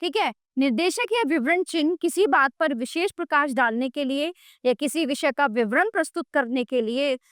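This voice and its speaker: A woman's voice: sits high, moderate pace, fairly bright tone, no room sound, clean studio sound. A woman teaching a grammar lesson to children, patient and explanatory, often checking in with "okay".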